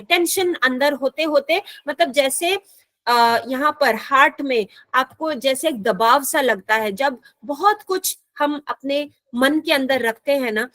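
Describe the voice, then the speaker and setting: A woman teacher explaining an English lesson in Hindi, patient and repetitive, slowing down for English phrases read with an Indian accent. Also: high-pitched, a bit bright, no echo. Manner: patient, repeats and rephrases often; slows down sharply to read English lines.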